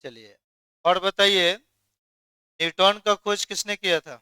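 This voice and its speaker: A man's voice: high-pitched, fairly even intonation, takes it slowly, sharp tone, smooth, no echo. A man teaching chemistry in a classroom lecture, firing questions at students and then answering them himself.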